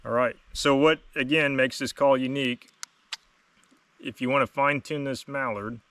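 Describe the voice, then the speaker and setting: Casting note: male demo host, slightly low voice, plain-spoken and casual, recorded away from the mic. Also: steady tone, moderate pace, distant mic, noisy background. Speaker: host demonstrating duck calls. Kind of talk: casual product demonstration.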